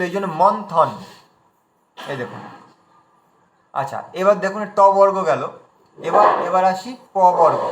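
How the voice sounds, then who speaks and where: A man's voice: high voice, a bit bright, reverberant. A man teaching an online pronunciation class, patiently spelling out letters one by one as he shares his screen.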